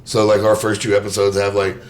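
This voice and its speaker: A man's voice: monotone, fast talker. A man hosting a podcast chats casually and swears freely, joking at his own expense in an echoey living room. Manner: self-deprecating, joking. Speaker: podcast host. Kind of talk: casual chat, frequent swearing. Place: living room with tile floors and tall ceilings. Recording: echoey tiled high-ceilinged room, background noise.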